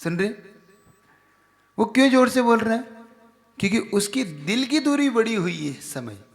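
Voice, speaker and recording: A man's voice: high-pitched, expressive, moderate pace. A man, a monk, giving a conversational sermon and putting questions to his audience. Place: large hall with an audience. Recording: reverberant hall.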